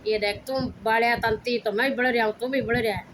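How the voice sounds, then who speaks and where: A kind village god, as a woman storyteller puts him on, lays out his vow in homely Haryanvi speech. The delivery stays level and unhurried, close to plain talk. Clear clicking noise runs behind the voice. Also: a little high, steady tone, natural voice. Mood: instructing. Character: kindly male deity granting a vow.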